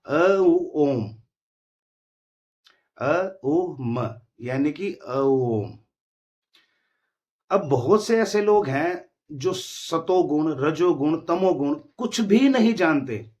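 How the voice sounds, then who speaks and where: A man hosting a devotional teaching talk, explaining slowly with measured rhetorical questions to his viewers. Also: a little high. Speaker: spiritual teacher and channel host.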